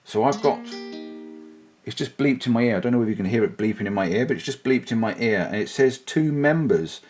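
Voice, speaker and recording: Soft music plays behind a man whose medium-pitched, slightly mellow voice is animated and brisk as he casually tests and demonstrates gear for his vlog. He reviews the products while musing aloud, first outside on a bike and then indoors.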